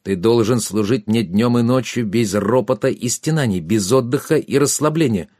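A proud young nobleman, as a man plays him, lecturing in a stern, haughty tone. The voice is dark and mellow, and the read is dry and close. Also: medium pitch, normal speed, no echo, natural voice.

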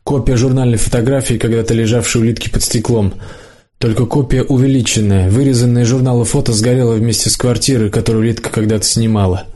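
A man narrating a novel aloud in a measured, expressive reading style. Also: medium pitch. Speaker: audiobook narrator. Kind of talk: literary narration.

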